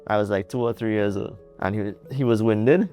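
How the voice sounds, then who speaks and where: A man's voice: on the low side, fairly quick, mellow, soft background music. A young Trinidadian man, a guest in an interview, telling his story earnestly with restarts and light laughs. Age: young adult. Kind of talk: casual interview.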